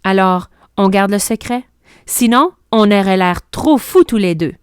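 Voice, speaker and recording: A woman voicing a kind, playful schoolteacher who speaks in a hushed, confiding way. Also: mid-range voice, lively intonation, unhurried, clear, resonant tone, dry recording, studio quality, lightly acted.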